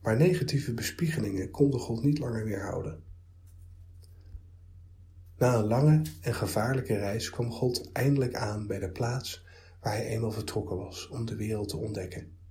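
A man narrating a story in a measured, even reading. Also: on the low side.

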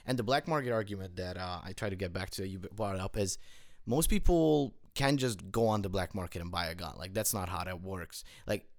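A man's voice: low voice, a little fast. A man from Hungary talking as a student panelist in a casual discussion, often correcting himself as he goes.

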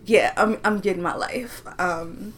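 With slight background noise, a woman in her twenties chats on a podcast she co-hosts, her mid-range voice moving a little slowly. She keeps things relaxed and informal, dropping plenty of slang.

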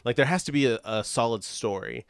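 A man's voice: medium pitch, a little fast, gravelly, dry recording, clean studio sound. A man in casual chat about comics who tells stories animatedly, acting out quotes in exaggerated voices.

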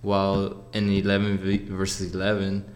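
Young male college student guest, laid-back and rambling, low and even-toned. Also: normal speed. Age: 20s. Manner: relaxed, rambling, laughs easily. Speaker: guest, college soccer player. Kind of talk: casual interview chat.

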